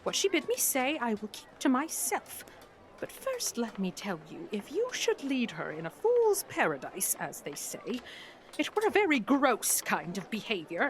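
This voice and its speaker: A woman playing Shakespeare's Nurse, high and wildly animated. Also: slight background noise. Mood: flustered, warning. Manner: garrulous, exclamatory, blustering. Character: talkative, easily offended, bawdy woman servant, the Nurse. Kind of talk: classical Shakespearean stage acting.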